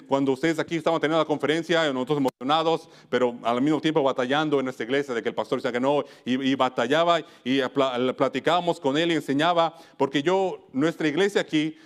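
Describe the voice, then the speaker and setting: Male preacher from Wisconsin, somewhat high voice, earnest sermon delivery with many self-corrections. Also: a little fast, hardly any pauses. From United States (Wisconsin). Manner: earnest, often restarts and corrects himself mid-phrase. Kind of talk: church sermon.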